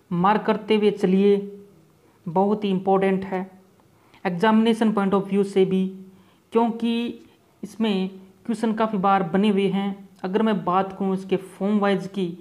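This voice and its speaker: In Hindi sprinkled with English terms, a man with a high, slightly mellow voice walks through exam-prep vocabulary. He takes each word slowly and goes over his points more than once.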